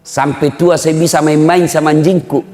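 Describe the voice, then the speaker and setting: Animated preacher with Makassar accent. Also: male voice, on the high side, normal speed. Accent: Makassar Indonesian. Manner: animated, acts out quoted voices. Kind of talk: humorous storytelling sermon. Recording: echoey hall with long reverb.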